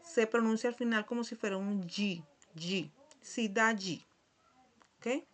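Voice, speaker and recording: A woman's voice: on the high side, steady tone, normal speed. A woman teaching a Portuguese lesson in Spanish, going through the alphabet letter by letter and often checking in with "¿verdad?". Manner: patient, checks in with frequent "¿verdad?"; spells out letters one by one. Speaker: language teacher. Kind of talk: slide-based Portuguese lesson for Spanish speakers.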